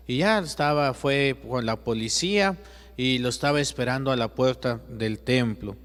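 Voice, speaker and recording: Mexican priest preaching a story, mid voice, lots of echo. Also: male voice, medium pitch, moderate pace, fairly bright tone. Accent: Mexican Spanish. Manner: narrates and acts out characters' voices. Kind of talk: storytelling sermon. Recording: long echoey reverb.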